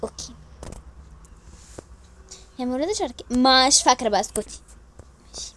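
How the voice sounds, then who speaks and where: High-voiced Egyptian woman voicing a whole family. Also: expressive, a bit bright. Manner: switching quickly between family character voices. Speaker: storyteller voicing all characters. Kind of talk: Toca Boca role-play storytelling.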